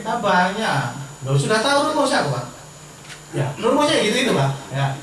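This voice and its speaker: A man's voice: sits high, big pitch swings, moderate pace, fairly bright tone, slight background noise. A man giving a persuasive sales seminar to a live audience, chatty and direct, asking the crowd questions and answering them himself. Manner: chatty and persuasive, keeps addressing listeners as "Pak". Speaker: business opportunity presenter. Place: large indoor seminar hall. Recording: very echoey hall, voice far from the mic.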